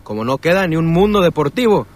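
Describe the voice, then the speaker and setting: A man's voice: on the high side, very animated, fast. A voice actor playing grumbling male passersby on the streets of a video game city.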